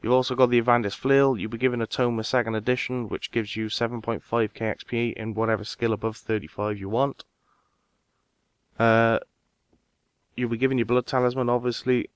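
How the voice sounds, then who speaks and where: A man with a smooth, resonant voice, recorded dry and close with no room sound. He walks viewers through a game quest step by step in a relaxed, casual voice-over. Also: mid-range voice, no echo. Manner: relaxed step-by-step instructions, talking straight to viewers. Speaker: game guide narrator.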